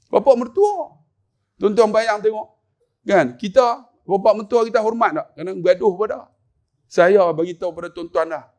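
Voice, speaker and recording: A middle-aged man with a northern Malaysian accent gives a lively religious lecture. He keeps quizzing the audience with tag questions and tells humorous stories. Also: high voice. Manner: humorous storytelling. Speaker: preacher.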